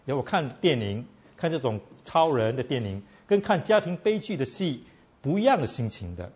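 Lively code-switching male preacher. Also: mid-range voice, moderate pace, breathy edge, muffled recording. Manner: animated, asks the audience "all right?" often. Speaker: preacher teaching a Bible class. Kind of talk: casual sermon mixing Chinese and English.

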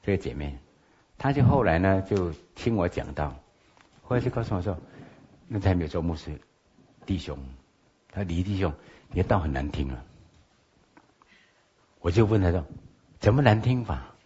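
A man's voice: sits low, animated, moderate pace, long pauses, darkish tone, slight background noise. A man who is a pastor, teaching a lecture on logical fallacies, often checking in with his listeners. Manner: asks listeners for assent with frequent OK. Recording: dull lo-fi lecture recording.

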